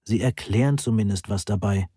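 A man's voice: on the low side, fairly quick, breathy edge, no echo, clean studio sound. A man voicing a blunt, irritated young female math student who talks curtly and sharply in a German audiobook. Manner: curt and sharp-tongued.

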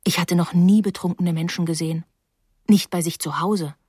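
A woman narrating a first-person story in a measured, quietly dismayed way. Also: lowish voice, fairly even intonation, husky, no echo, studio quality. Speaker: audiobook narrator.

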